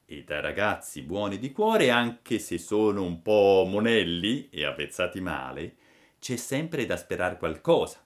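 A man reading a storybook, voicing a gentle but stern fairy mother in a soft, low, measured voice. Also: big pitch swings.

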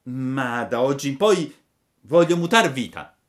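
A man reading a storybook, voicing a mischievous wooden puppet boy in a high, loud, excitable voice. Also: measured pace, natural voice. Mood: eager.

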